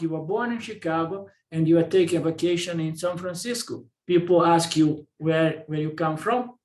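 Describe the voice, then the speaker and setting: Brazilian-accented male teacher, slightly high voice, repeats himself and checks in often. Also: reverberant. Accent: Brazilian Portuguese. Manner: repeats words, asks "okay?" to check understanding. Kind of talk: lecture on Vedanta philosophy.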